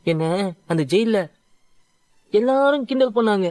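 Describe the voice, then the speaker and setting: A man's voice: very high-pitched, expressive, a little slow, a little mellow, no echo. A young man voicing a grateful former prisoner speaking earnestly in a dubbed serial, close and dry. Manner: earnest, emotional confession.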